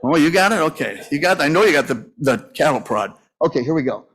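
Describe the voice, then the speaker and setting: Speaking fast with lively intonation, this Minnesota man in his sixties has a fairly high pitch and fairly bright tone. The funeral home owner rambles folksily through stories at a conference session, with many fillers and false starts.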